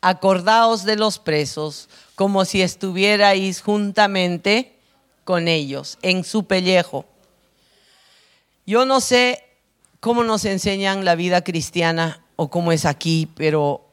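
A woman's voice: on the low side, slow. A woman prison minister giving a blunt, emphatic testimony sermon to a congregation.

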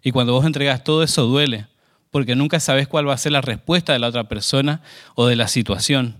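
A man's voice: medium pitch, a little fast, a bit bright. A man preaching a sermon in a conversational way, often asking the congregation questions.

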